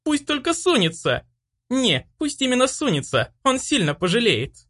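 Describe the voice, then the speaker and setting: Audiobook: man doing a shrill, battle-eager girl guard, pitched very high. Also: huge pitch swings, moderate pace, fairly bright tone, heavily acted. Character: fierce eager young woman guard.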